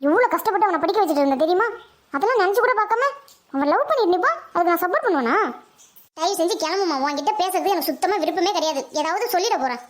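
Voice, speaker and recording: A performer voicing a fierce, quick-tempered village mother in a cartoon, talking in a sharp, scolding, indignant way. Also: very high-pitched, expressive. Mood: angry. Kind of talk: cartoon voice acting.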